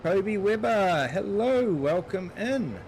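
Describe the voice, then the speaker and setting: This middle-aged Kiwi gaming streamer chats easily with viewers during a farming game, calling out their names. His high, expressive voice is slow and somewhat dark in tone, captured in a low-quality recording with slight background noise.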